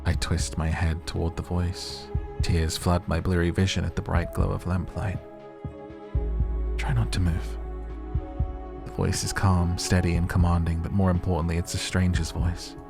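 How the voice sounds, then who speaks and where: A man with a very low voice and a creaky edge narrates a dark game story aloud. His reading is measured and theatrical, though the melody stays narrow. Music plays behind him. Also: level tone. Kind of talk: dramatic narration of a visual novel.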